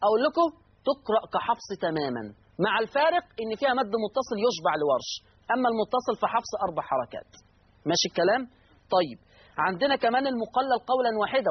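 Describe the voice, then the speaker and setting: A man with an Egyptian accent teaching Quran recitation rules, repeating each rule and slowly drawing out the verse words he recites. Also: high voice, slightly rough, muffled recording. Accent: Egyptian Arabic. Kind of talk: explanatory lesson on Quran reading rules.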